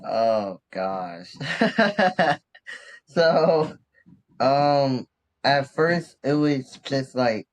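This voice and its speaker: A twenty-year-old rapper from Bridgeport, Connecticut, chats casually as an interview guest, laid-back and slangy, laughing often. His mid-range voice has lively intonation, but he speaks extremely slowly and pauses a lot.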